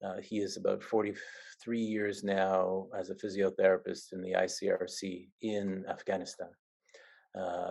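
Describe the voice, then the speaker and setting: A low, gravelly male voice speaks earnestly at an online seminar. He pauses and restarts often, with a rough fry underneath his words. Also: a little mellow. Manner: earnest, halting with repeated restarts. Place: online video call.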